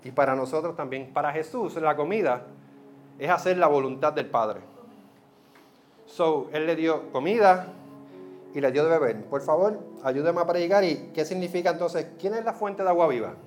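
A man preaching a sermon as pastor, in a lively, conversational way that drops in English words. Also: fairly high pitch, moderate pace, soft background music.

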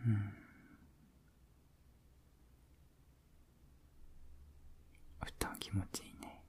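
A man with a Kansai accent playing a teasing, affectionate boyfriend at bedtime, in intimate whispered role-play pillow talk with a soft, breathy voice. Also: fairly quick, close to an everyday voice. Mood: sleepy, affectionate. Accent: Kansai Japanese. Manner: playful, coaxing, mock-hurt.

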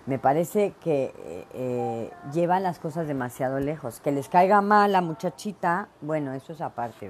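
On her own show, a middle-aged woman from Veracruz, Mexico, talks alone and opinionates bluntly and emphatically, filling her monologue with fillers. Her voice sits low, and a faint hiss or hum runs underneath.

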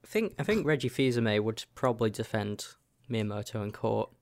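Smooth, low-voiced deadpan man. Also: a little fast. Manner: deadpan, with mock-serious rhetorical questions. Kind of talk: casual chat.

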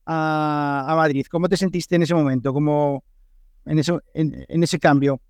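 Clear, higher-voiced Spanish man interviewing. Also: fairly even intonation, moderate pace, dry recording, clean studio sound. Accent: Spain Spanish. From Spain. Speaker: podcast host and teacher. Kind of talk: casual conversational interviewing.

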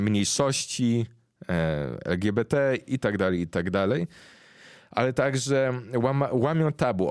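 A young man hosting a podcast, explaining things to his guest in a casual, thoughtful way and pausing often to find his words. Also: mid-range voice, a little mellow, dry recording, clean studio sound. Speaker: podcast host interviewing a guest.

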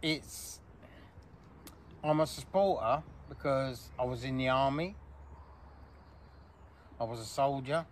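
A man's voice: medium pitch, slow pace, long pauses, slight background noise. A man in his sixties with a British accent, giving plain-spoken answers in an interview. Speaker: interview guest, former soldier.

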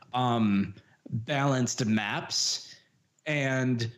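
A man co-hosting a casual gaming podcast, often restarting sentences and agreeing emphatically. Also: mid-range voice.

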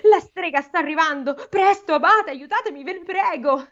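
Storybook part: a woman putting on a high, scared young novice begging for help. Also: fairly even intonation, unhurried, a bit bright, lo-fi sound. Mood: panicked pleading. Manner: panicked, breathless pleading. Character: frightened young male novice monk, pleading.

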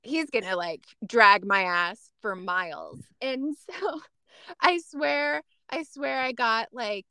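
A woman co-hosting a casual chat podcast, chatty and quick to exclaim and laugh along. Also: on the high side, lively intonation, sharp tone, clean tone, dry recording. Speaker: podcast co-host.

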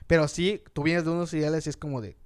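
A Mexican man with a Mexican accent telling a story in fast, slangy casual chat, acting out the lines of the people in it. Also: a little high, steady tone, clear, resonant tone.

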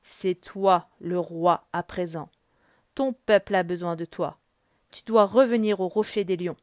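A woman's voice: on the low side, steady tone, measured pace, darkish tone, dry recording, clean studio sound, natural voice. A woman voicing the spirit of a wise lion king in a storybook, speaking firmly and solemnly. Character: wise dead male lion king, ghostly.

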